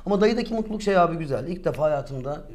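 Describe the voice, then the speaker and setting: A man's voice: fairly high pitch, animated, very fast, darkish tone. A middle-aged man, a puppeteer, chatting casually in a musing, trailing-off way. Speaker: puppeteer guest. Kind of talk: casual chat.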